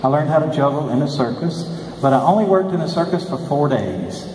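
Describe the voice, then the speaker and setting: A man's voice: fairly high pitch, lively intonation, a little fast, warm tone. A man in his sixties talking as a kids party magician, joking and speaking directly to the children in his live show patter. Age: 60s. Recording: echoey hall from far off, faint noise.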